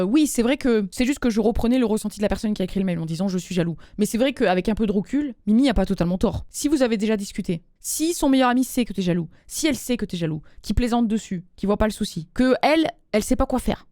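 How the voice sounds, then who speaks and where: A woman's voice: mid-range voice, lively intonation, quick pace, few pauses, warm tone, no room sound, clean studio sound. A young woman hosting a casual advice podcast, talking in loose slang and laughing easily. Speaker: podcast host giving love advice. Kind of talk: casual group podcast chat.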